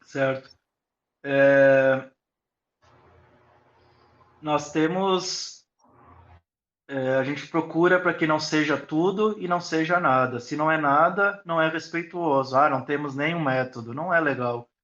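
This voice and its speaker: A man speaking over a video call on an online panel, slightly higher-pitched than most men. He explains his views thoughtfully, building his points with everyday examples. The sound is dull and lo-fi, like a streamed call. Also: slow pace, pauses often, a bit bright. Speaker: school founder. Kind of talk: live online panel talk.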